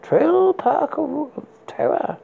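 Someone doing a spooky horror host, super croaky and husky, swoopy pitch, stumbles thru a scripted read. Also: expressive, narrow, tinny audio, heavily acted. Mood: playfully macabre. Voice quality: very gravelly, husky, creaky. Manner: halting read with stumbles and repeated words. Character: spooky horror host recommending frightening books and films.

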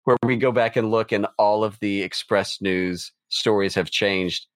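Middle-aged male co-host, low voice, dry close sound, casual and stammering. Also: fairly even intonation, a little slow, no echo. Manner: restarts often, with playful laughter. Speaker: podcast co-host. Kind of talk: casual sports chat.

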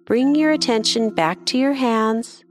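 A woman gently guiding children through a mindfulness exercise in soft, slow instructions. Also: fairly high pitch. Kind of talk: guided meditation. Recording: voice over clear music. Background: background music.

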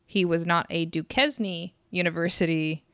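A woman's voice: lowish voice, fairly quick, dry recording, studio quality. A woman co-hosting a podcast in casual chat, joking and swearing as she tells the story. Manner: chatty, laughing, swears casually. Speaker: podcast co-host.

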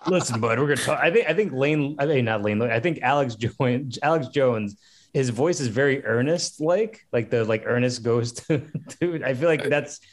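A man's voice: mid-range voice, normal speed. A man, a comic book creator, joking and laughing in casual podcast chat. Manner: joking, laughing between lines.

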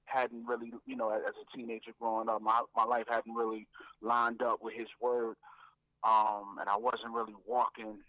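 A man, a guest rapper, telling his faith story in a reflective way, often repeating words and filling pauses. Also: mid-range voice, little pitch movement, no room sound, lo-fi sound.

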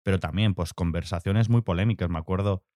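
A man's voice: low-pitched, brisk, warm tone, no echo, studio quality. A young man co-hosting a podcast, telling a rambling story full of fillers and swearing in casual chat. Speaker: podcast co-host.

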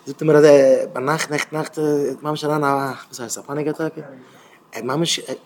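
Emphatic rabbi with a raised voice. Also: male voice, on the high side, fairly even intonation, moderate pace, a little mellow, a little hiss or hum. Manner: emphatic, repeats phrases in rising bursts. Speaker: rabbi giving a talk.

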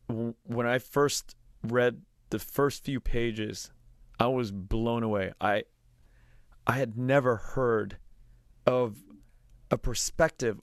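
A male host asks questions slowly and carefully, restarting his sentences as he goes. His voice is smooth and resonant at a middle pitch. The sound is close and dry, with no room echo. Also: fairly even intonation. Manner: halting, with restarts and slow careful phrasing. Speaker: podcast host. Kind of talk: interview questions.

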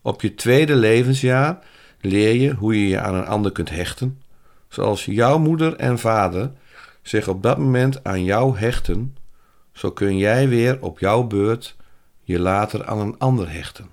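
Slow, calm male presenter, low voice. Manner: calm, contemplative, speaks directly to listeners. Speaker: radio presenter. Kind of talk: reflective spoken essay with storytelling.

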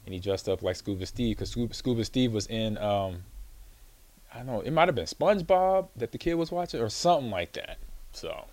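This ex-footballer turned show host has a medium-pitched, slightly mellow voice, and he talks in a brisk, animated way with no echo. He rambles through a casual story, laughing and using plenty of fillers.

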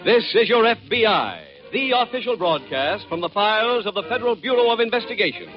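A man's voice: sits high, animated, a little fast, dull audio, over music. A man giving formal, emphatic sponsor announcements in 1950s radio style, heard from an old broadcast disc transcription.

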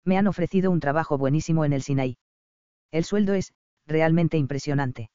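A man's voice: fairly high pitch, fairly quick, mellow, clear, resonant tone, no echo, lo-fi sound, lightly acted. A man voicing a homesick, unsure young woman doctor in an audiobook.

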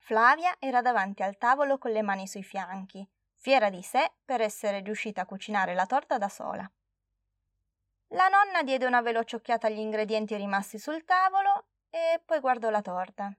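A woman narrating a children's storybook in a clear, steady, expressive way. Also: a little high, moderate pace, dry recording.

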